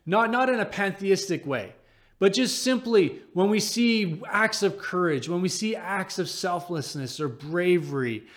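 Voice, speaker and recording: Casting: male pastor, thirties, higher voice, relaxed conversational preaching with restarts. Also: unhurried. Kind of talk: sermon.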